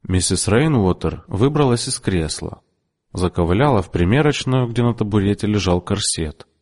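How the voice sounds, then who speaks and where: A man narrating an audiobook in an expressive, measured storytelling manner. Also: on the low side. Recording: long room reverb.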